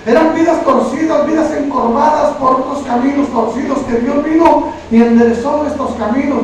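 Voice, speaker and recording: A man's voice: very high voice, steady tone, normal speed. A man preaching a sermon, calling listeners brother over and over as he retells Bible stories. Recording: very echoey room, from far off, faint noise.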